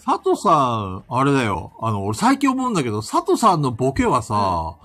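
A man's voice: mid-range voice, wildly swooping pitch, moderate pace, fairly bright tone. A man from Hokkaido hosting a casual online radio chat, teasing and laughing often. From Hokkaido, Japan. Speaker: radio show host.

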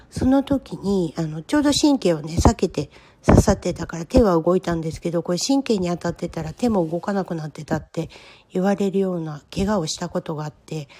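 A woman in her fifties hosting a solo podcast, talking about her own life in a gentle, confiding, reflective way. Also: on the low side, a little hiss or hum. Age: 50s. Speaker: podcast host. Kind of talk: solo personal podcast talk.

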